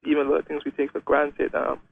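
Gravelly young man on a phone line. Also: a little high, completely flat delivery, quick pace. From Guyana. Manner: hesitant, many "um"s and restarts. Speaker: Paralympic wheelchair racer, guest. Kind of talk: casual radio interview. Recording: phone-line radio call.

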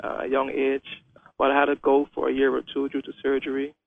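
A man's voice: mid-range voice, monotone, fairly quick, gravelly. A young man from Guyana, a wheelchair racer talking hesitantly as a guest in a radio interview. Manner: hesitant, many "um"s and restarts. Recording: phone-line radio call.

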